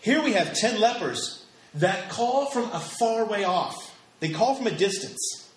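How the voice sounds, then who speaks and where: A man's voice: sits high, lively intonation, measured pace, a little hiss or hum. A man in his thirties preaching a sermon, emphatic and repeating phrases for stress. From United States. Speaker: pastor. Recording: echoey hall with faint ambience.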